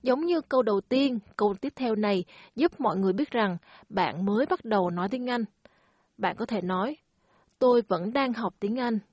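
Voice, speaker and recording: A woman's voice: fairly high pitch, normal speed, darkish tone, dry recording, clean studio sound. A woman hosting a language lesson, speaking in a friendly, encouraging teacher tone. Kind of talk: scripted lesson narration.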